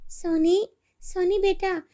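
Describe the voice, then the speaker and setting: A woman's voice: very high-pitched, fairly even intonation, slow pace, mellow, pitched above the performer's own voice. A woman voicing a loving, worried widowed mother who soothes and pleads. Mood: soothing.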